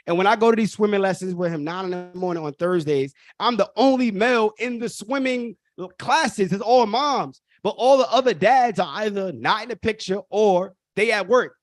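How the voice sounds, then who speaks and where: A man's voice: high-pitched, moderate pace, hardly any pauses, dry recording. A man, hosting a live online workshop in an emphatic, repetitive way and calling the audience y'all. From Brooklyn. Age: 30s. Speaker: workshop host.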